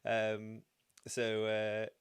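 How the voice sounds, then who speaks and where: A man from the Welsh Valleys hosts a casual live stream. His voice is clear and smooth, recorded dry and close, and he talks in a loose, chatty, sweary style with a Valleys accent. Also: lowish voice, completely flat delivery, extremely slow, dry recording. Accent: South Wales Valleys. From Wales. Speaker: livestream host. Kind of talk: casual live stream chat, reacting to news.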